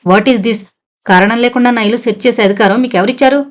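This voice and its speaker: A woman's voice: fairly high pitch, fairly even intonation, fast talker, natural voice. Audiobook: woman narrator playing a proud, challenging young man, haughty. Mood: defiant.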